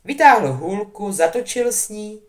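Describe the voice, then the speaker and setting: A woman reading a novel aloud with expressive storytelling. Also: medium pitch. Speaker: audiobook reader.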